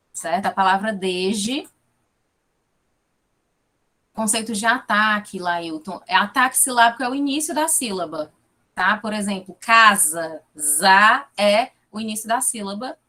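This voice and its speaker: Her voice is medium-pitched, pushed and bright, carrying a Fortaleza accent. This linguistics researcher from Fortaleza, Ceará, Brazil, speaking as a guest lecturer on a video call, presents her research results while frequently checking on her audience.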